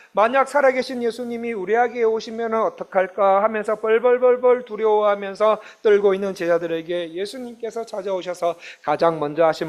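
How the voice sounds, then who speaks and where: A man preaching a sermon as pastor, impassioned, often acting out the voices of the people he speaks about. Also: high-pitched. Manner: impassioned, dramatically voices Jesus and disciples.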